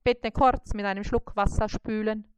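A woman voicing a scrawny male mosquito dentist who is brisk, polite and reassuring. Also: mid-range voice, steady tone, clear, resonant tone, dry recording, pitched above the performer's own voice, close to an everyday voice. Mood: businesslike.

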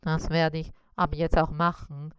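A woman's voice: low-pitched, level tone, measured pace, clean tone, no echo, dull audio. A woman doing a wailing, whiny cartoonish spider. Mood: relieved. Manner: moaning and wailing in pain. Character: whiny male cross spider, timid and self-pitying.

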